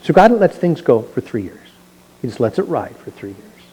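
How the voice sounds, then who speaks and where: Brief: male pastor, church Bible study, mellow voice, casual explanatory asides between readings. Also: mid-range voice, very animated, moderate pace, breathy edge, rough recording. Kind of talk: verse-by-verse Bible teaching. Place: church sanctuary.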